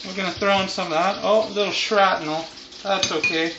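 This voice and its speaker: A man in his thirties hosts a home cooking vlog from his kitchen, talking fairly quickly with fairly even intonation. He rambles in a loose, laid-back stoner way, while the roomy, muffled camera audio picks up a sizzling deep fryer.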